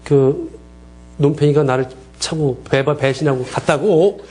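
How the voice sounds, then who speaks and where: With a fairly high voice and a measured pace, a middle-aged counseling lecturer teaches his class. He's animated, acting out quoted lines and asking the class questions as he goes.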